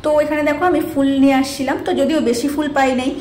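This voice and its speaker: A woman's voice: sits high, steady tone, quick pace, a little mellow, echoey room, slight background noise. A young woman vlogging about her day at home, chatty and talking straight to viewers. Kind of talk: casual vlog narration. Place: home indoors.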